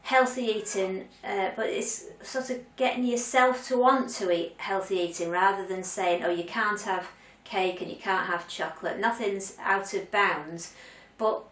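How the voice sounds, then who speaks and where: A woman's voice: mid-range voice, fairly bright tone. Older lady vlogging to camera, chatty, lots of ums, sounds a bit far off in an echoey room. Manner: chatty and candid, with frequent ums and restarts. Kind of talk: casual chat to camera. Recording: roomy sound, mic at a distance.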